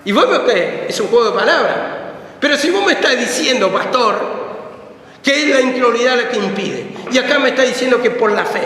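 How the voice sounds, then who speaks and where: A man's voice: very high-pitched, expressive, brisk, a bit bright. A man with a Rioplatense Spanish accent preaching a sermon fervently, repeating phrases for emphasis, heard in an echoey church hall. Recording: echoey hall with faint ambient noise.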